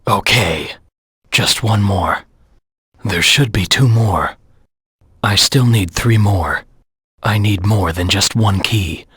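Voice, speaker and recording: Husky, low-pitched Shadow the Hedgehog. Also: male voice, takes it slowly, long pauses, a bit bright, no room sound, clean studio sound, exaggerated voice. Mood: terse, focused. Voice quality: gravelly, husky. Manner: stern, brooding, self-assured. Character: brooding male hedgehog antihero, proud, cold, haunted by lost past. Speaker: video game protagonist. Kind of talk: scripted video game voice lines.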